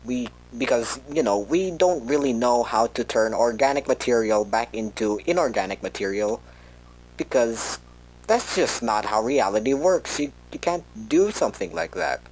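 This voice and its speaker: In an in-character monologue for a fan-made horror audio log, a man plays a researcher recording an informal log tape, hesitant and conversational and often cutting himself off. His medium-pitched voice is animated and a little mellow, at a moderate pace. The recording is rough.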